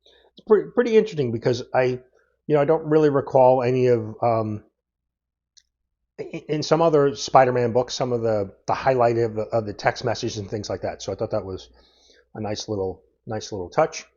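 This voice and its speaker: A man's voice: medium pitch, moderate pace, mellow. A man giving a casual comic book review, recapping the plot in a loose, meandering way. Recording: dull lo-fi audio.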